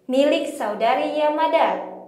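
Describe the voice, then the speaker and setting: A woman's voice: high-pitched, a little slow, darkish tone. A woman teaching a recorded language lesson, reading example sentences aloud and then translating each one. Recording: echoey room.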